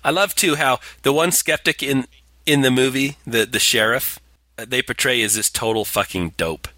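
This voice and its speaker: This man co-hosts a comedic movie discussion show, bantering casually with a sarcastic, mocking edge. His voice is medium-pitched and sharp-toned at a normal speed, with no room sound.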